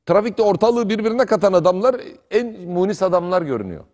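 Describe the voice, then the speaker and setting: Middle-aged man, sports pundit, lively swooping delivery, fiery argumentative tone, somewhat high voice. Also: quick pace. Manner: heated, animated arguing. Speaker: sports commentator. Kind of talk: studio sports talk.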